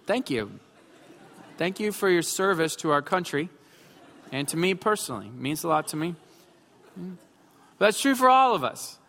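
A man's voice: fairly high pitch, sing-song, normal speed, pauses often, fairly bright tone, a little hiss or hum. A pastor in his thirties preaching a sermon, mixing self-mocking humor with emphatic points. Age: 30s. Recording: long hall reverb with faint music.

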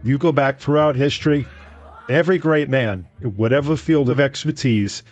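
A man voicing his drunk business partner, who rants loudly and theatrically like a preacher at a bar. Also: mid-range voice, moderate pace, highs cut off, voice pushed up, lightly acted. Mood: ranting. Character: drunk, boastful male business partner ranting. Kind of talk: audiobook character voice.

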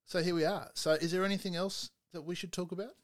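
A man's voice: sits high, fairly even intonation, fast. A middle-aged father co-hosting a casual podcast chat, joking and rambling.

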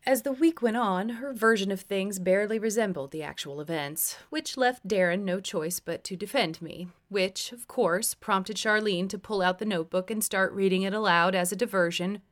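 A woman's voice: mid-range voice, moderate pace, hardly any pauses. Woman narrator, memoir audiobook, wry, blunt storytelling, mid-range voice.

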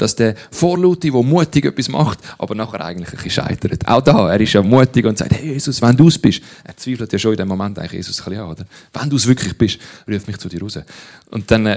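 Swiss-accented man preaching, lower voice. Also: a little mellow. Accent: Swiss German. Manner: conversational, direct, with frequent rhetorical "hey" and "oder?". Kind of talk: sermon.

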